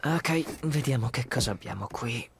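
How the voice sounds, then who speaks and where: A man's voice: medium pitch, animated, moderate pace, creaky, a little hiss or hum. An actor dubbing a wry, joking young male survivor in a horror video game. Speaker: game character Dylan. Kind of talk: Italian game dub.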